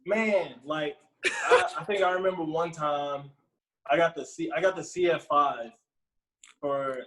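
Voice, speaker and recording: A young man talking casually as a podcast guest, relaxed and rambling with lots of filler words. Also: on the high side, unhurried, very noisy. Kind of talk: casual chat.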